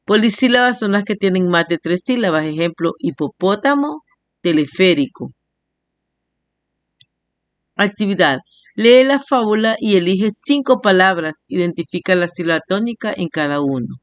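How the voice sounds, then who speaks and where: A woman teacher giving a recorded language lesson, reading definitions and slowly sounding out example words syllable by syllable. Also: medium pitch, expressive. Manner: slow, spells words out syllable by syllable. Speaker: primary school teacher.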